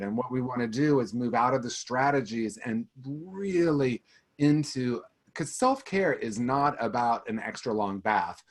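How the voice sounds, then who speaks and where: A man answering a question as a panelist in an online webinar, speaking earnestly and gently encouraging. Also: medium pitch.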